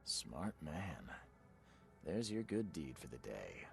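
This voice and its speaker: A man playing a hard-nosed private investigator in a video game, with a dry, sardonic deadpan. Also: extremely low pitch, slow, gravelly, soft background music, heavily acted. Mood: dry, pressing. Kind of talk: video game character acting.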